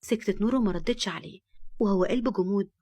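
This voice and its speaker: A woman with an Egyptian accent narrating a romance novel in a brisk, even reading. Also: mid-range voice, husky. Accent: Egyptian Arabic. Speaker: storyteller.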